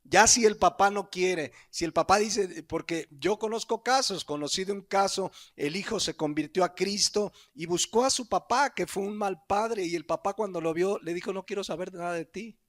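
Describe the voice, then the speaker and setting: A man's voice: high voice, normal speed, few pauses, a bit bright. A man with a Mexican Spanish accent preaching a sermon as a pastor, teaching in a conversational way with rhetorical questions.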